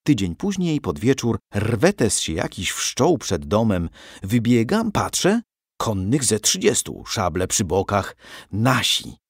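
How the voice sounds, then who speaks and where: A man reading a storybook aloud with a low voice that rises and falls a lot as he tells it. The sound is dry and close, with no room around it. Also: takes it slowly, husky, no room sound. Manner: lively, animated storytelling. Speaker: narrator.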